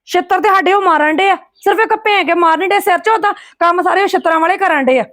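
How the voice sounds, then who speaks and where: A woman rattles off sharp scolding lines as an angry mother in a family drama. Her voice sits high and her pace is fast. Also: no room sound, studio quality. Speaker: lead actress, angry mother. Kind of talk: scripted family drama acting.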